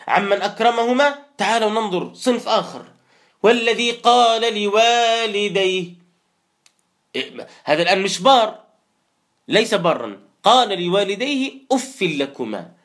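A man teaches Quran commentary. He stretches out each recited verse slowly, then explains it in quicker plain speech. He turns to his listeners often with earnest, direct exhortation. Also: high-pitched, a bit bright.

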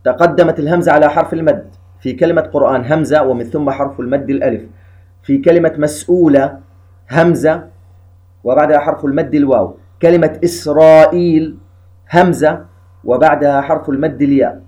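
A man teaching a lesson on recitation rules, explaining each step slowly and chanting the verses he cites. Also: on the high side, mellow.

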